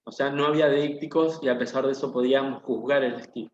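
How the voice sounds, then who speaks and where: A man's voice: mid-range voice, steady tone, fast talker, a little hiss or hum. A man teaching an online class, patiently explaining and putting questions to his students. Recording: dull, echoey room audio.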